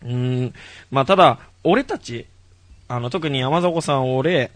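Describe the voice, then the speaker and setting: A man co-hosting a casual podcast chat, excitable and quick to laugh as he jokes with his friends. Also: medium pitch, no echo. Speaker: podcast co-host. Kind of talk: casual chat about an anime concert.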